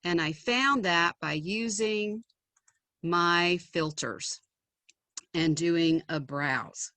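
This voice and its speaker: A woman's voice: fairly low pitch, extremely slow, pushed and bright, no echo. A woman presenting an educational website in a webinar, upbeat and chatty, with frequent ums. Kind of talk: screen-share webinar demo.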